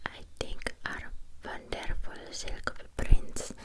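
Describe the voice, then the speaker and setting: A woman reads a book aloud in a soft ASMR whisper close to the ear, halting now and then over words. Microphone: close ear-to-ear ASMR microphone.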